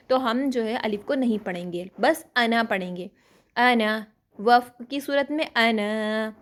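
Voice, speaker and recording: A woman teaching Quran recitation rules, explaining patiently step by step, often checking that her students follow, and chanting Arabic words slowly and drawn out. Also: fairly high pitch, a little mellow. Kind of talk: online tajweed lesson.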